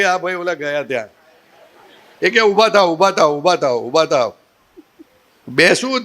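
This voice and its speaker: A man with a Gujarati accent giving a spiritual satsang talk, telling stories with humor and asking the audience questions. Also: sits high. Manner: humorous, animated storytelling with rhetorical questions. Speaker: spiritual teacher.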